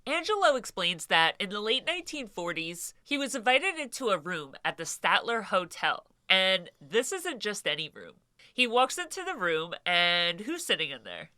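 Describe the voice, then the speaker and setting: Chatty lady doing true crime vlog, stuffed up nose like she's sick, bright voice, super dry close sound. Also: mid-range voice, no echo. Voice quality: congested, blocked-nose nasal sound. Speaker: host of a true-crime gangster show. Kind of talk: casual true-crime video narration.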